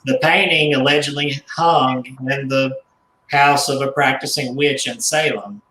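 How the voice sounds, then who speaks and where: A man, a guest collector, telling stories in casual radio chat, rambling and halting with restarts and small chuckles. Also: mid-range voice, fairly even intonation, bright, forceful tone, roomy sound, slight background noise, poor audio. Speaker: guest, haunted doll collector and author.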